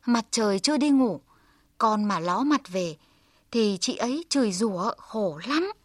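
A woman's voice: medium pitch, lively intonation, a little slow, no room sound, clean studio sound. Woman doing a timid, overworked young man. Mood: pleading. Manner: pleading, fearful. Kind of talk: storybook voice.

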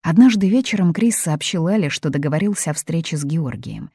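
Woman reading an audiobook, calm and measured, low mellow voice, dry sound. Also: breathy edge, no echo. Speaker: audiobook narrator. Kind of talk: scripted narration.

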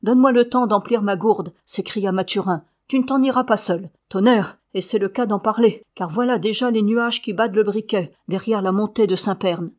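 A woman's voice: mid-range voice, normal speed, few pauses, a little mellow, close to an everyday voice. Woman reading a talkative young soldier. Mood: lively.

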